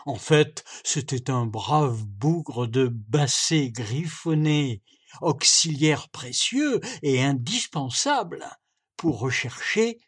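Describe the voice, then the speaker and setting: A man, a volunteer audiobook reader, telling a folk tale with an animated, storytelling lilt. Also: medium pitch, takes it slowly, husky. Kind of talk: audiobook reading.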